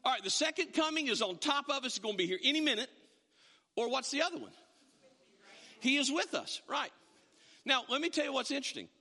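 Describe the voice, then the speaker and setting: Pastor guy preaching, real high voice, stumbles and restarts a lot, long church echo. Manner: animated, with frequent stammered restarts. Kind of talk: sermon. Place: church sanctuary.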